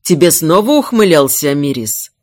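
Protective duke, grown man, low, steady, curt, voiced by a woman. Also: normal speed. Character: protective noble duke, strong and calm man.

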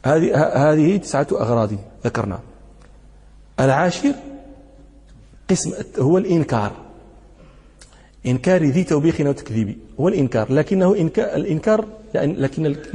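High-voiced husky man teaching, reverberant hall. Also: expressive, dark tone. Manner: explains through rhetorical questions, checks listeners with short prompts; slows into a lower tone when quoting verses and poetry. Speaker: sheikh teaching hadith commentary. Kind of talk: classical religious lesson.

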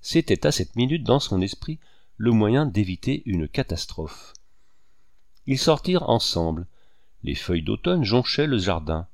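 A man narrating a novel in a measured, expressive literary reading. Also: lowish voice, vocal fry, dry recording, clean studio sound. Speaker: audiobook narrator.

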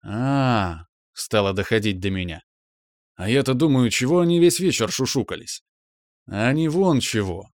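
A man's voice: mid-range voice, expressive, moderate pace, no echo. Dry, close-miked male audiobook narrator. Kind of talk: scripted first-person narration.

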